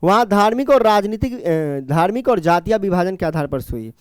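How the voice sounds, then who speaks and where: A man's voice: high-pitched, expressive, normal speed, clean tone, no room sound, clean studio sound. A man teaching a class. He explains each point by repeating it and answers his own questions. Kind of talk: classroom lecture.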